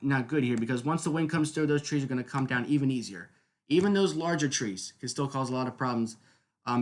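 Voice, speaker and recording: On a live weather stream, a male host with a higher, fairly bright voice explains conditions in a relaxed, improvised way. He frequently checks in with listeners and repeatedly looks for them to agree.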